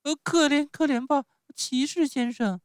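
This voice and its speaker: A little wooden puppet boy with a thin, squeaky high voice, put on by a man reading a storybook. He talks earnestly and pleadingly, pitched far above the reader's own voice. The recording is dry and close. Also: unhurried, no echo.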